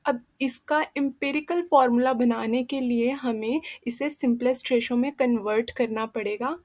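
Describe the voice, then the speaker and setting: High-voiced woman teaching chemistry patiently. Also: fairly even intonation, moderate pace, darkish tone. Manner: patient, checks in with frequent "theek hai". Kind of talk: classroom explanation.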